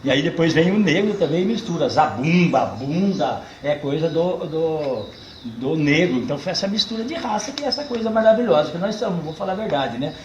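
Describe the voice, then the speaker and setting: An older Brazilian man, a cordel poet with a caipira accent from the São Paulo countryside, chats casually and folksily with a tour group, animatedly drawing words out for emphasis. His voice is fairly high and a little fast. The recording sounds roomy and lo-fi, with slight background noise.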